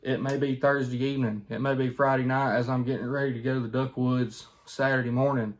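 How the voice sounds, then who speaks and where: A man's voice: medium pitch, steady tone, brisk, rough recording. A man giving a casual, folksy how-to talk, often checking in with the listener as an instructor would. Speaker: duck calling instructor, video host.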